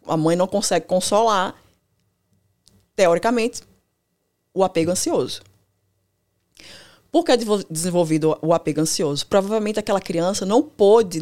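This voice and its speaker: A woman therapist, explaining ideas in a podcast conversation, animated and laughing easily, often acting out quotes. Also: medium pitch. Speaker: family and couples therapist, guest.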